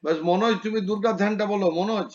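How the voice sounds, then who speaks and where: Teacher, male, high voice; gentle corrective tone, lo-fi call audio. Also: very fast, a crowd in the background. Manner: gentle, corrective, repeats page numbers. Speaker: priestly studies teacher. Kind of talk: online class instruction.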